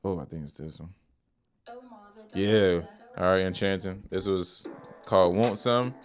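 A man's voice: low-pitched, unhurried. A man co-hosting a casual show, reacting to music videos with loose, profane banter and laughter. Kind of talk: casual chat.

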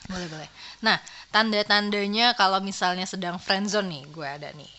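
A woman's voice: medium pitch, moderate pace, sharp tone. A woman co-hosting a podcast, chatting casually in slang and laughing often. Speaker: podcast co-host. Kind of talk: casual chat.

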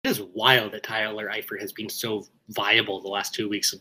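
A man co-hosting a fantasy football show, running through player news with quick, upbeat asides. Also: flat delivery, pushed and bright, slight background noise. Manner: upbeat, quick asides, jumps up in pitch on names. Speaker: fantasy football podcast co-host. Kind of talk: casual sports news rundown.

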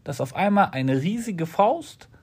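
A man in casual chat, telling an animated story full of street-slang fillers. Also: sits high, unhurried, slightly rough.

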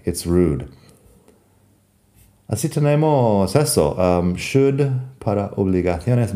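Deep slow male language teacher. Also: dark tone. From United States. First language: English. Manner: patient, repeats example sentences slowly, pauses with fillers. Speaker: English teacher. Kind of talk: bilingual language lesson.

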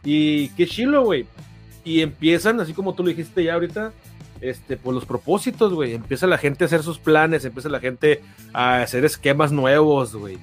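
A man's voice: a little high, moderate pace, soft background music. A man with a Mexican accent co-hosting a podcast, chatting casually in rambling, heavy slang. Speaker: podcast co-host. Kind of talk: casual chat.

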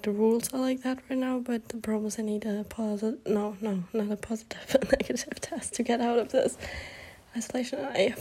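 A young woman with a hoarse, sick voice, hosting her own podcast in a rambling, half-whispered chat. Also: a little high, mellow. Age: young adult. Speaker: podcast host. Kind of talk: casual solo podcast chat.

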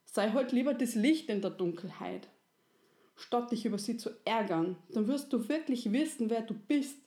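A woman's voice: on the high side, expressive, normal speed, warm tone. Woman doing a kindly creator woman. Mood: gentle. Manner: soothing, folksy, fond of dialect fillers. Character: kindly wise creator woman, patient and homely. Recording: roomy echo.

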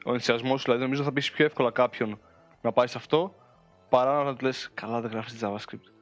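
Male co-host, mid pitch, wry quick interjections, dull lo-fi recording. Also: fairly even intonation, soft background music. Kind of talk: casual chat. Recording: dull lo-fi sound.

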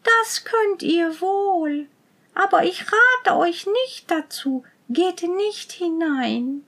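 A woman voicing a gentle young girl who speaks sorrowfully and softly. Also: extremely high pitch, lively intonation, extremely slow, voice pushed up, heavily acted. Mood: sad. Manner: sorrowful, soft.

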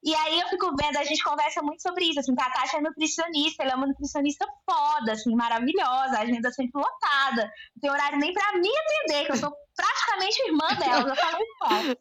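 A woman's voice: high-pitched, quick pace, low-quality recording. A woman, a podcast guest chatting casually and acting out the people in her stories. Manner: animated storyteller acting out quoted dialogue. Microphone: remote recording at home.

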